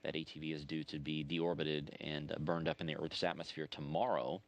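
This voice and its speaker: A man's voice: very deep voice, level tone, brisk. A man explaining events in conversational broadcast narration as a mission control commentator.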